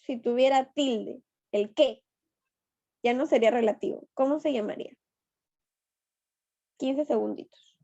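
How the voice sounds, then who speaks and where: High-voiced lady teacher, talks slow, keeps asking the class stuff, kinda muffled lo-fi online class sound. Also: warm tone. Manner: patient, coaxing, asks students questions. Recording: dull lo-fi online class audio.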